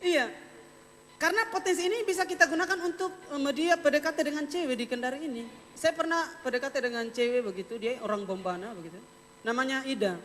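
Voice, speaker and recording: A man's voice: extremely high pitch, fast talker, a bit bright. A young man from Wakatobi, Southeast Sulawesi, performing a stand-up comedy set and telling playful stories full of mock dialogue. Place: stage in a hall before an audience. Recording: reverberant hall, faint noise.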